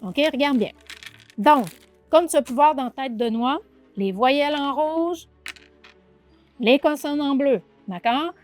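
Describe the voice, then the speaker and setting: A woman's voice: sits high, soft background music. A woman remedial teacher with a Quebec French accent, explaining a reading exercise to viewers and sounding out syllables, checking in often. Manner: animated, addresses viewer directly with many check-ins; sounds out letters and syllables slowly. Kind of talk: teaching demonstration video.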